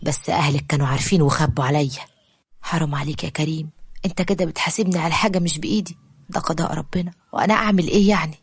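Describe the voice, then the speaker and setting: A woman's voice: low voice, rapid-fire, husky, no echo, studio quality. A woman voicing a hurt young wife who defends herself with an Egyptian Arabic accent. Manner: defensive, pleading.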